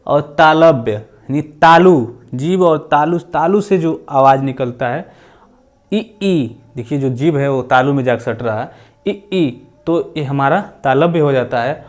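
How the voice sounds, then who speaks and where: A man's voice: mid-range voice, normal speed, few pauses. A man teaching grammar for exam preparation, explaining step by step, repeating points and sounding out vowels as examples. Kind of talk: exam-prep lecture.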